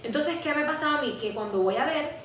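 A young Venezuelan-accented woman with a high voice, telling a personal story in a lively, self-mocking way on a casual podcast. The mic sits far off in a very echoey room with faint hiss. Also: fast. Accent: Venezuelan Spanish. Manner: animated storytelling, laughing at herself. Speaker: podcast co-host. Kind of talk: casual chat.

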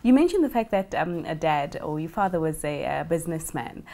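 A woman's voice: low voice, expressive, fairly quick, a little mellow. A woman in her thirties hosting a television business interview, asking upbeat, probing questions in an office. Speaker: TV business show host. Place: office with window blinds. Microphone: lapel mic.

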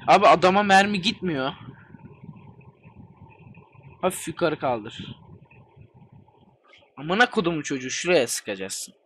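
A man giving excitable, swear-filled commentary while playing a game, hosting his own gaming channel. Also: on the high side, a little slow, pauses often, husky. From Turkey. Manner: excitable, swears constantly, chatty. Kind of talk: let's play commentary.

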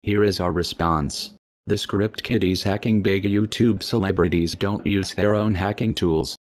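A man speaking through a disguised deep voice, reading a cold, measured scripted statement as an anonymous spokesman. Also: steady tone, no echo.

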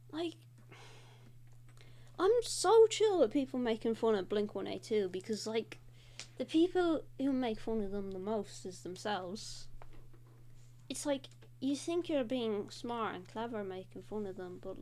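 A woman's voice: medium pitch, mellow. A young woman hosting a casual draw-and-talk video, chatting in a rambling way with frequent fillers. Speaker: host.

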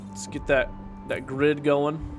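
A young male gaming streamer wearing a headset gives casual let's-play commentary on a city-building game, sniffling a little from a cold. His fairly high voice is flat and slow, and he chats and talks to himself while building. Game music plays behind him.

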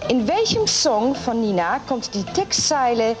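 A middle-aged woman hosting a TV quiz show in a studio. She reads questions, announces scores and chats with contestants in a brisk way. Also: a little high, very animated. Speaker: game show host. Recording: music and audience in the studio. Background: studio music and audience.

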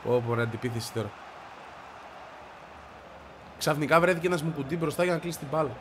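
A man with a stuffy, congested voice giving excited commentary as he plays a football video game, shouting and grumbling at the match. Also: on the high side, a little hiss or hum. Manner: shouts and yelps at the game, frustrated outbursts. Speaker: gaming video creator.

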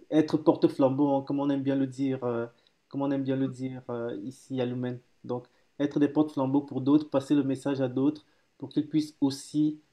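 A warm, medium-pitched man in his thirties hosts a live video call from a home office room. He's cheerful but hesitant, tripping over repeated words and fillers.

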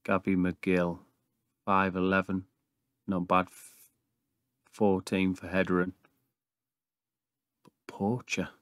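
A man's voice: deep voice, monotone, takes it slowly, pauses often, fairly bright tone, no room sound, studio quality. A man in his thirties hosting casual video game commentary, recorded in an attic room. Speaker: YouTube gaming host. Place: small brick-walled attic room.

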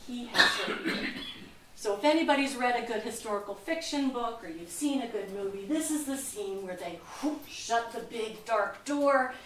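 A woman's voice: on the high side, animated, normal speed, noisy background. Chatty woman docent in an echoey room. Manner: chatty, laughs at herself, loses words. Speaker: museum docent. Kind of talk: informal history talk. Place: museum lecture room. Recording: echoey room, mic far off.

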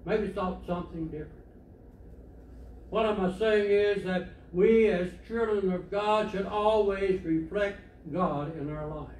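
An older preacher tells stories from the pulpit in a plain, conversational sermon, his voice fairly high for a man with a darkish tone and a measured pace. A distant camera picks him up, so the sound echoes through the church sanctuary with faint hiss.

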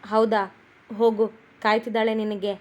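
A woman's voice: fairly high pitch, monotone, a little slow, a little mellow, natural voice. A woman reading the lines of an older village mother who has been crying and avoids the question. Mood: weary.

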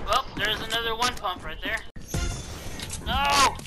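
A man's voice: high-pitched, a little slow, over loud music. A man gaming and swearing in frustrated outbursts, his voice clipping and distorting through an overdriven mic. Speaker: gamer. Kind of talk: raging gameplay commentary.

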